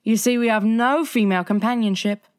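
A woman's voice: fairly high pitch, fairly even intonation, fairly quick, clear, resonant tone, pitched above the performer's own voice, close to an everyday voice. A woman doing an eager boy who won't grow up. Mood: breezy. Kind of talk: audiobook character voicing.

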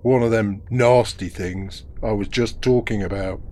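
A man doing a deep, gruff big friendly man. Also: steady tone, measured pace, darkish tone, lightly acted. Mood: calm warning. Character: big friendly middle-aged man, calm.

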